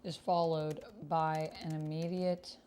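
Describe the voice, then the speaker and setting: During a livestream, a woman plays a text-based roleplaying game, reading it aloud and thinking out loud in casual chat. Her voice is low, flat and dark-toned, and she takes it slowly. A little hiss or hum is audible.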